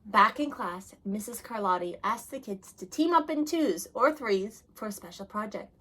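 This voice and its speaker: A woman reading a children's picture book aloud, expressive, going soft and hushed at the sad moments. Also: mid-range voice, normal speed, husky. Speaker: reader.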